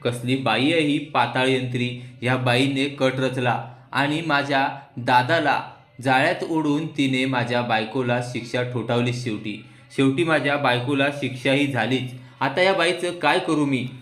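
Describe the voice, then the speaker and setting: A man voicing a young husband in a family serial retelling, heated and accusing, his voice pushed up and loud. He is recorded in a roomy, echoing space. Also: medium pitch, fairly even intonation, moderate pace, close to an everyday voice. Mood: angry. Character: angry young husband, grieving jailed wife.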